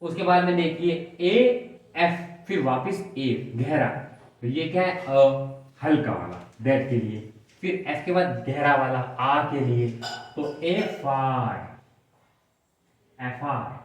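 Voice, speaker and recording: A man's voice: mid-range voice, slow pace. A man teaching shorthand in a tutorial, asking himself questions and answering them, repeating each word as a drill. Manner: asks and answers his own questions, repeats words for drilling. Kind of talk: classroom-style tutorial explanation. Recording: echoey room, mic at a distance.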